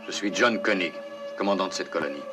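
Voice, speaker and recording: An actor playing a firm colony commander, terse and authoritative, in a dubbed science fiction series. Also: male voice, deep voice, fast talker, music in the background, natural voice. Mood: guarded, firm.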